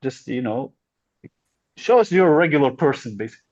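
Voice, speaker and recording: Young male podcast co-host, rambling and halting; dry, dull lo-fi recording. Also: medium pitch, big pitch swings, no echo. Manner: halting, rambling, laughs often. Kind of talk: casual comedy podcast chat.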